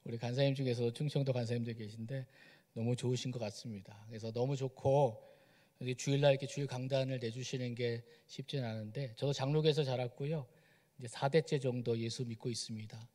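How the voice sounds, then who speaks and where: A man's voice: mid-range voice, steady tone, a little fast, warm tone. A middle-aged man from Seoul gives a humorous, conversational guest sermon and keeps asking the congregation questions. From Seoul, South Korea. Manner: chatty, joking, asks the congregation questions. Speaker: guest preacher. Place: church sanctuary. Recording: long hall reverb in a church.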